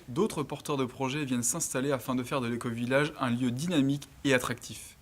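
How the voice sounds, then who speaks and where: A man in his twenties from northern France, giving an earnest, measured, scripted narration as an entrepreneur presenting his project. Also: medium pitch. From Lille area, northern France. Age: 20s.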